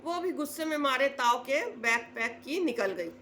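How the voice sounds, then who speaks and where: A woman telling a family story in casual spoken style, acting out the quoted lines in a lowered voice. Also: animated, moderate pace, bright, forceful tone, slight background noise.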